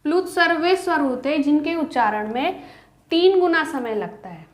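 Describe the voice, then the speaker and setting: A woman teaching a grammar lesson to students, asking the class questions and then answering them herself, and drawing out the example vowel sounds slowly. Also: sits high, lively intonation. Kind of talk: Hindi grammar lecture to students. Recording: roomy echo.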